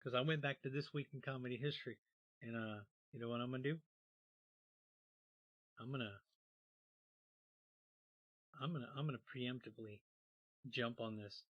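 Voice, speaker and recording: A middle-aged man hosting a comedy livestream, rambling to himself and trailing off softly between bits. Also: mid-range voice, moderate pace, pauses often, dull audio. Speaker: podcast host. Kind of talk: casual livestream chat.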